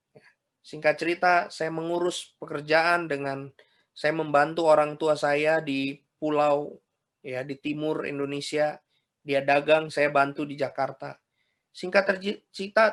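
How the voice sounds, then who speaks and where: A man's voice: a little high, a bit bright. A middle-aged male pastor preaching a sermon at an online service, earnest, mixing in English catchphrases and personal stories. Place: online church service over video call. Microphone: video call.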